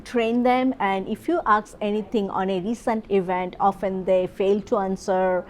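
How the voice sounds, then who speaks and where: A woman's voice: mid-range voice, fairly even intonation, normal speed. A middle-aged woman, a professor explaining her research in a conference interview, with many fillers and restarts. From Bangladesh.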